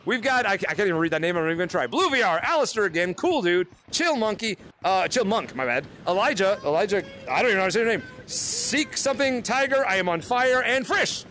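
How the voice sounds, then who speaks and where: Young male VR streamer, very high and lively voice, hyped, headset mic. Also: fast talker, few pauses, slight background noise. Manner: excitable, laughs often, calls out names. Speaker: VR game streamer. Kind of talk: live-stream chat with fans.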